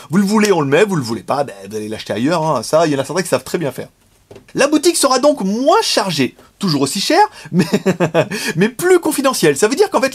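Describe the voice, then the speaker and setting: A man talking straight to the camera in a casual update, frank and slangy, chuckling often. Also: high-pitched. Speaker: vlogger and shop owner. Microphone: camera facing speaker.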